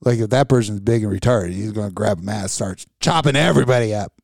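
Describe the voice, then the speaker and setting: A man's voice: lowish voice, quick pace, gravelly, a little mellow, dry recording, clean studio sound. A man co-hosting a podcast in crude, casual chat, ranting with lots of swearing and laughing often. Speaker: podcast co-host.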